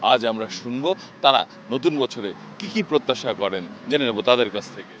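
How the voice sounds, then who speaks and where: Man, TV host, quick formal delivery, outdoors on a street, faint traffic noise. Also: mid-range voice, dull audio. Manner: brisk formal announcer delivery. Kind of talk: scripted presenting to camera.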